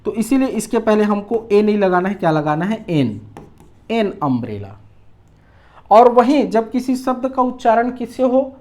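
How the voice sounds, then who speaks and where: A woman's voice: medium pitch, big pitch swings, moderate pace, warm tone. A woman teacher explaining English articles in a classroom grammar lesson, patiently posing questions and answering them herself.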